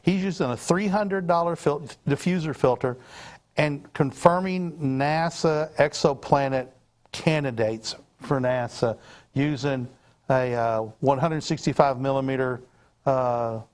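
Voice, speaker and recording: A man's voice: medium pitch, a little slow, darkish tone. A man hosting a casual sales livestream, upbeat and rambling with frequent fillers. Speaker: livestream host.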